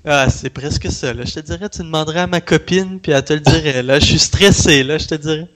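A man's voice: fairly high pitch, brisk, a bit bright. A man with a Québécois French accent, talking casually as an interviewee about his own work. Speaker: interviewee, independent game developer. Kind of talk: casual conversation.

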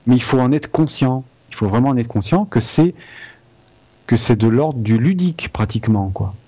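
A man's voice: mid-range voice, expressive, moderate pace, mellow. A man, a video game composer, talking frankly and casually in an interview, with many restarts.

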